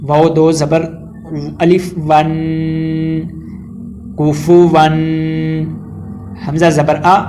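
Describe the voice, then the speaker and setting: A man whose voice is fairly high and slightly mellow teaches Quran recitation in a Pakistani Urdu accent. Moving step by step, he spells out the letters, then chants the verses slowly with short explanations in between.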